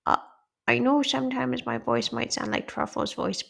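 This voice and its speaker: A chatty koala girl toy, voiced by a woman, chatters in a high, sweet, childlike voice. The voice has a gravelly edge. It sounds cheerful and bright throughout. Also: big pitch swings, normal speed, exaggerated voice.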